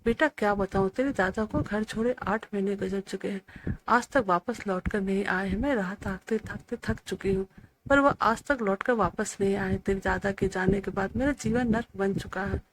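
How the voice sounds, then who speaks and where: A woman's voice: mid-range voice, moderate pace, background noise, lightly acted. A woman voicing a frail old grandmother who pleads and weeps, read in a storybook narration. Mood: grieving. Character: frail, starving old grandmother, tearful and loving.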